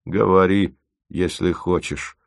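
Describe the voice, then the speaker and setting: Reader doing a worn-out clever computer in an audiobook, deep, slow and precise, sardonic. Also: male voice, steady tone, vocal fry, dry recording, clean studio sound, full character voice. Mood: weary. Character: weary sardonic male computer, clever and tired.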